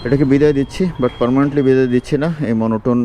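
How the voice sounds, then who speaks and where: A man's voice: mid-range voice, steady tone, very fast, dark tone, a little hiss or hum. A man from Bangladesh, a motorcycle vlogger, talking bluntly and plainly and mixing in English phrases. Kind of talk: casual vlog talk. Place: outdoors on a city street.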